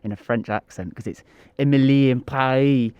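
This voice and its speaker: A man's voice: mid-range voice, fairly even intonation, normal speed, highs cut off, a little hiss or hum. A man co-hosting a podcast, joking and blunt as he reads out listener questions. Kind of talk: casual podcast chat.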